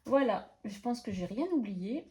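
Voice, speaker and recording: A woman's voice: on the high side, lively intonation, unhurried, warm tone, slight background noise. A middle-aged woman chatting casually to camera about budgeting, enthusiastic and laughing often. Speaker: budgeting channel host.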